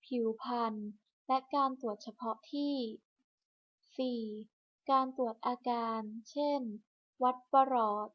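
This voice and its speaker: Lady reading clinic info over the hospital pa, kinda high voice, muffled lo-fi sound, steady list-by-list. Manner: measured, even list-by-list reading. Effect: broadcast over a hospital public address system. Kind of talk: scripted informational announcement. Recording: muffled lo-fi loudspeaker broadcast.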